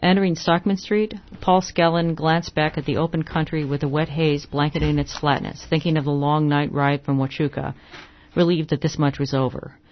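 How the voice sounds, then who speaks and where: A reader narrating a western short story aloud in a steady, measured way. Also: medium pitch, lo-fi sound, a little hiss or hum.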